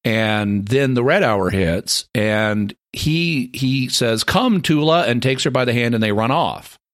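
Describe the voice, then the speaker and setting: A man co-hosting a podcast, explaining a point at length in casual discussion and growing animated as he argues it. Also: medium pitch, slow pace, no echo, studio quality. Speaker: podcast co-host.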